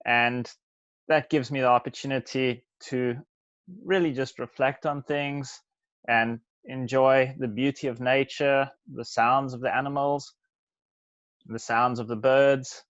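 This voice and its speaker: Guy chatting calmly in an off the cuff speech, dry close sound, a little muffled. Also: mid-range voice, measured pace, dry recording. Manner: relaxed, reflective. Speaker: meeting participant answering a table topic. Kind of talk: impromptu speech.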